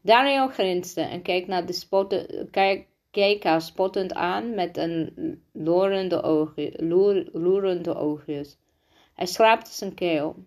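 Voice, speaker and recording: A woman reading a children's book aloud, halting often and restarting words as she stumbles over the text. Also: lowish voice, steady tone, a little mellow. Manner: halting, frequent restarts and slips. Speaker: reader.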